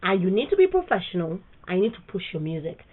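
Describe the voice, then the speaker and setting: A woman's voice: on the low side, sing-song, fast talker. A woman co-hosting a music podcast, making emphatic, opinionated points in casual chat. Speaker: podcast co-host. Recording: narrow phone-like sound.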